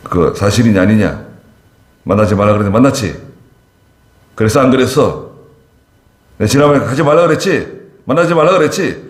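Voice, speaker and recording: A man acting out a stern older male pastor who shouts a rebuke, firing off demanding questions in a raised voice. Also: very deep voice, a little slow, pauses often, voice pushed down. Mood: scolding. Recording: echoey church hall.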